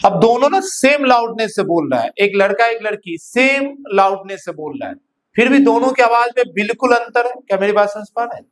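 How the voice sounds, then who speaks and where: A man teaching a physics class in a Hindi-English mix with an Indian accent, dictating notes slowly and often asking students whether they follow. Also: very high-pitched, animated. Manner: slow dictation of notes, checks understanding with repeated questions. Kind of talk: classroom lecture.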